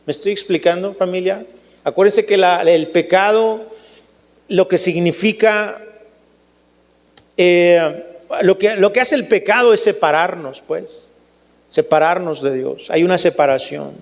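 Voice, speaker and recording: Mexican pastor preaching in a reverberant church. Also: male voice, sits high, a little slow, pauses often. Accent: Mexican Spanish. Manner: preaching with many restarts, addresses the congregation as family. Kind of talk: sermon.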